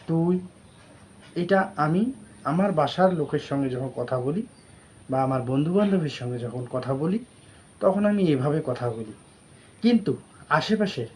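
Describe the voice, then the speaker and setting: A man delivering a reflective spoken monologue in an earnest, deliberate way, pausing between phrases. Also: fairly high pitch, slight background noise. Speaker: social media creator.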